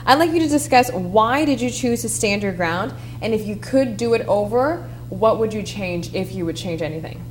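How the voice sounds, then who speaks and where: A woman conducts a one-on-one political interview in a mid-range voice. She frames her questions deliberately and with measured phrasing. There is faint noise in the recording. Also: medium pitch. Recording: steady background noise.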